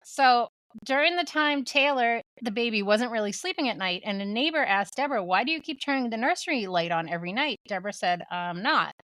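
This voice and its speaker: A woman co-hosting a casual podcast, retelling a haunting with light laughter and voiced quotes. Her voice sits a little high. The recording is close and dry. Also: lively intonation, a little fast, a bit bright, no echo. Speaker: podcast co-host. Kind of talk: comedic storytelling chat.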